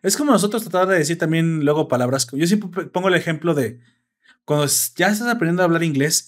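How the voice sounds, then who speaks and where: A young man with a Mexican Spanish accent holds forth in a relaxed chat, explaining at length. His voice sits a bit high for a man, and he drops in salty slang as he goes. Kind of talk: casual chat.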